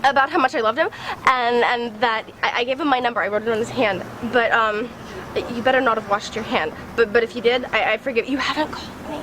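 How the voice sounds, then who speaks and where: A high-pitched young woman gushes breathlessly in an interview. She giggles and trips over her words like a devoted fan. Steady background noise fills the recording. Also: fast talker. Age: 20s. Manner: gushing, giggly, breathless superfan talk.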